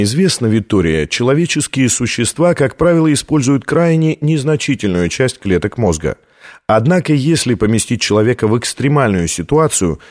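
A man reading a calm, patient older father. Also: medium pitch, lightly acted. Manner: patient explaining.

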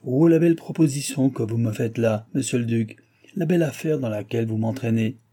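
A man's voice: mid-range voice, fairly quick, dark tone, natural voice. Man reading as an irritable old king. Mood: exasperated. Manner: exclaiming, exasperated. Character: aging king, evasive and irritable. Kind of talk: audiobook reading.

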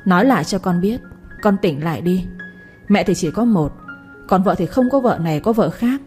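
A woman's voice: on the low side, lively intonation, normal speed, mellow, lightly acted. A woman voicing an embittered older mother who scolds her son possessively, in a reproachful manner, with faint music underneath. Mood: scolding.

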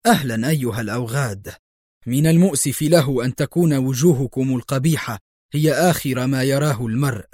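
A calm, sarcastic hero, as a male narrator plays him who taunts his captors without a trace of fear. The delivery is level and a touch raised, close and dry. It is a spoken storybook. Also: on the high side, fairly quick, dry recording, lightly acted. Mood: calm scorn. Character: cool, mocking male hero facing captors.

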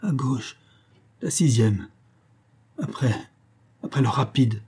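A man's voice: medium pitch, animated, slow pace, mellow, breathy edge, exaggerated voice. A man reading aloud, voicing a young male captive speaking through pain in broken, strained words. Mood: anguished. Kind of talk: audiobook character voice.

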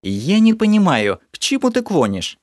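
A man's voice: high voice, huge pitch swings, normal speed, a little mellow, no room sound, clean studio sound, pitched above the performer's own voice. A man voicing an irritated, fussy young woman who lectures in a prim way.

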